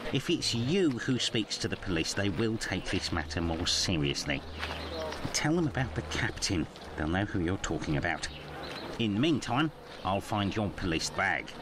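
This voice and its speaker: A man playing a timid, obliging male building caretaker in a video game, chatty and a little nervous. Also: lowish voice. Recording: game audio with street noise.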